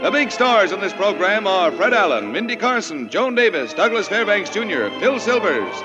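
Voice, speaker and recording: High, animated old-time American radio announcer man. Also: moderate pace. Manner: formal, grandly promotional announcing. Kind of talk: old radio announcer reading scripted show introduction and sponsors. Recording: vintage 1950s radio broadcast, muffled, over music. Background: loud music.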